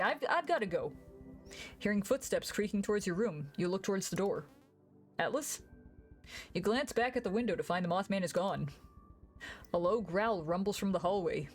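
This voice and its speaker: A woman streamer reads a visual novel game aloud in a mid-pitched voice. Her delivery is playful, moving between narration and casual remarks, with soft music underneath. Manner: playful, acts out dialogue.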